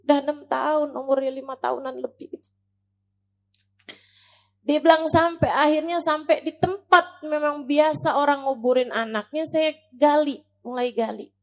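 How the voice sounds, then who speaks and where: A woman's voice: high voice, fairly even intonation, normal speed. A woman in her forties from West Java, preaching a sermon as an emotional storyteller who repeats lines for weight. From West Java, Indonesia. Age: 40s.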